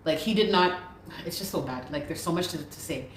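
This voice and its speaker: A woman's voice: sits low, brisk, a little hiss or hum. A woman from Canada making an urgent, pleading appeal to viewers in a self-made video, repeating herself insistently. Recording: echoey room with faint ambience.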